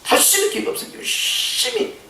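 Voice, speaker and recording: A male pastor preaching a sermon in a church, animated and full of rhetorical questions. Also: normal speed. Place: church sanctuary. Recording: echoey church sound from a distance.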